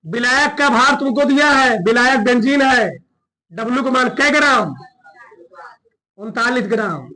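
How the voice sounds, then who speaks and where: A man's voice: very high-pitched, a little slow, pauses often, sharp tone, low-quality recording. A man teaching a chemistry lesson, working through a problem in a colloquial way and often checking that his students follow.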